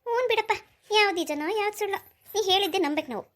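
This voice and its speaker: A woman's voice: fairly high pitch, very fast, natural voice. Woman voicing a jealous sarcastic village mother. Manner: bitter, grumbling, sarcastic. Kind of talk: cartoon voice acting.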